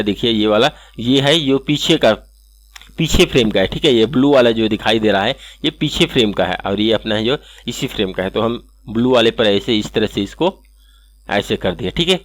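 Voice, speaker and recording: A man hosting an animation software tutorial, walking through each step and checking in with "okay" again and again. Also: lowish voice, normal speed, dry recording. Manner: step-by-step, repeats "ठीक है" often. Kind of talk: screen-recorded software tutorial.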